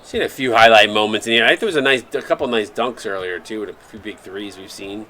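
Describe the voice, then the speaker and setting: A man with a lowish, sharp-toned voice talks fast as he calls a simulated basketball game on a live stream. Acting as the league's play-by-play broadcaster, he's upbeat and thanks viewers by name between plays.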